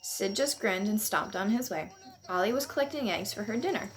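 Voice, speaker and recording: A woman reading a children's picture book aloud at home, in a gentle, lively read-aloud voice. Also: mid-range voice, a little fast. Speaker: storyteller. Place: at home on a couch.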